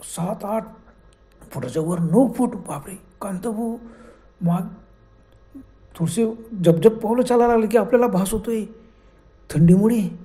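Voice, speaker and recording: A storyteller narrating a spooky ghost story dramatically, often dropping to a hush. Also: mid-range voice, measured pace, pauses often. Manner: dramatic, with frequent hushed passages.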